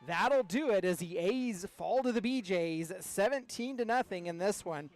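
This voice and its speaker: A man's voice: high-pitched, expressive, normal speed. A man giving live play-by-play commentary as a baseball announcer.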